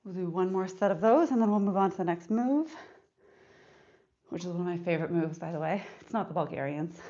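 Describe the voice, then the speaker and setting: A woman's voice: on the low side, a little fast, mellow, muffled recording. A woman fitness instructor leading a live workout, counting reps aloud and getting out of breath between sets.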